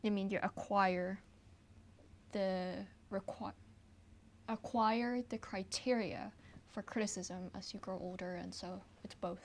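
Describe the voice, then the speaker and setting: A woman from Hong Kong, a pianist hosting a relaxed livestream Q&A from her apartment, who chats easily and trails off with ums and soft laughs. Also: mid-range voice, takes it slowly, slight background noise. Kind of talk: casual livestream Q&A chat. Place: her apartment, at home with her piano.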